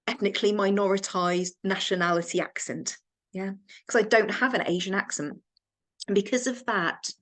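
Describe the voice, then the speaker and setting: An English counsellor and trainer delivers a reflective training talk at a measured pace, often restarting her sentences. Her voice sits at a medium pitch.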